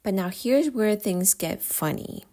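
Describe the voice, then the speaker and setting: A woman's voice: medium pitch, animated, a little slow, warm tone. A woman, telling stories casually to an audience in a chatty, dramatic, joking way. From Thailand. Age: 30s. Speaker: host. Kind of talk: casual storytelling commentary to an audience.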